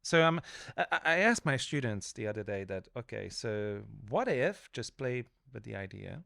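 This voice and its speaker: A man's voice: mid-range voice, big pitch swings, normal speed, creaky, pushed and bright, dry recording, clean studio sound. A man co-hosting a casual podcast chat who works as an acting coach, talking hesitantly and often restarting or correcting himself.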